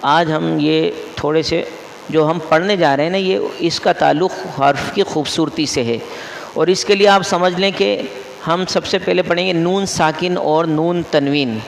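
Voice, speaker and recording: A man with a fairly high, creaky voice, a mufti, teaches a mosque class the rules of Quran recitation, quizzing listeners and repeating each rule. The lesson is recorded in an echoey mosque hall with long reverb and slight background noise.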